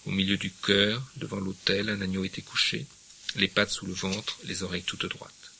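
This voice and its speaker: A man's voice: low-pitched, normal speed, creaky, slight background noise. A middle-aged man giving a literature lecture, reading passages expressively and adding hesitant remarks. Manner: expressive reading, hesitant fillers when commenting.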